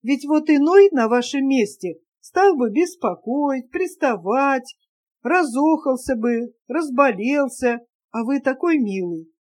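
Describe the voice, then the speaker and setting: A woman voicing an excitable, affectionate young woman in love, eager and emotional, in an audiobook reading. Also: high voice, slow, full character voice.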